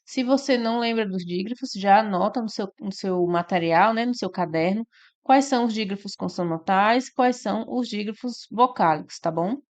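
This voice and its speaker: A woman's voice: medium pitch, normal speed. A woman, teaching an exam-prep lesson and walking through each answer step by step with frequent tag questions.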